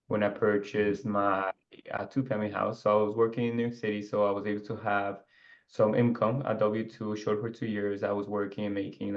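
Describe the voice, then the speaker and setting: A man in his twenties from Ecuador, a guest talking in a relaxed, rambling way, with many fillers, over a video call. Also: fairly low pitch, lo-fi sound. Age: 20s. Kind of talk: casual interview.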